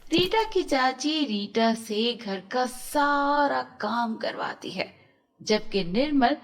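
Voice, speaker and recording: Children's story narrator, woman, slow, expressive, high lively voice.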